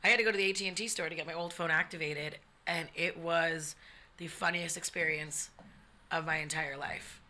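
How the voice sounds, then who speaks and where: A woman comedian spins an animated tale in loose conversation. Her voice is bright and forward, sitting a bit low in pitch, and she swears freely as she goes. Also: brisk. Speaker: stand-up comedian guest. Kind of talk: casual chat, telling a funny story.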